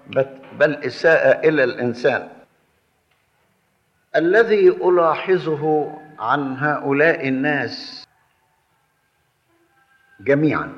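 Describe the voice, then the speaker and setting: A man with an Egyptian Arabic accent preaching a sermon, arguing his points in a measured, explaining way. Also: medium pitch. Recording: echoey hall, dull lo-fi sound.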